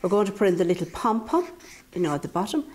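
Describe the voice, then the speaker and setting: A woman's voice: mid-range voice, sing-song, fast talker, a little mellow. A woman presenting a step-by-step drawing tutorial for children, talking to them directly in a playful, encouraging way. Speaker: children's drawing instructor and host.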